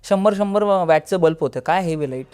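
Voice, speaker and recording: A podcast guest with a high, smooth, darkish voice tells a brisk first-person horror story conversationally. He restarts sentences and vividly acts out what people said.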